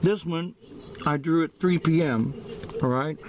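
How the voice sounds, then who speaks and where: Halting, slightly slurred man, noisy recording. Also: fairly high pitch, a little mellow. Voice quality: slightly slurred speech from a swollen mouth. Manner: hesitant, halting, often repeating himself. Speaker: amateur video blogger. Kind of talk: casual unscripted explaining to camera. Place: indoors at home by a window. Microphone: handheld camera microphone. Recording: noisy handheld camera recording.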